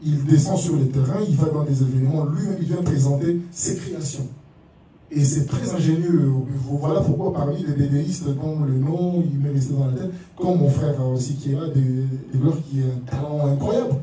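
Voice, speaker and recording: Speaking at a normal pace, this Congolese French-accented artist on a panel has a slightly high, dark voice with fairly even intonation. His casual remarks frequently repeat words, captured by a faraway mic in a heavily echoing room with light noise.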